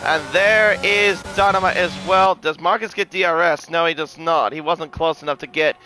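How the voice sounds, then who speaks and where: High-voiced male motorsport commentator. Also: normal speed, a little hiss or hum. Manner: excitable on action, chatty asides between. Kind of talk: live sim racing play-by-play commentary.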